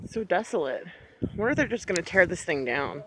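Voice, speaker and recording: A woman's voice: lowish voice, very animated, quick pace. A woman vlogger giving casual, chatty walk-through commentary as she explores an abandoned rural hotel outdoors in the cold, filmed on a handheld phone. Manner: chatty, wandering remarks while exploring. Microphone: handheld phone camera while walking. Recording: loud outdoor wind noise.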